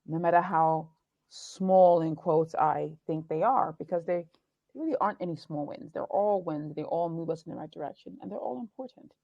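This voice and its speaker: Raised between Nigeria, England and the United States, a documentary producer and speaker in her forties gives earnest, reflective answers as an interview guest, sometimes restarting her sentences. Her voice sits on the low side with vocal fry, at normal speed, in a dry, lo-fi recording.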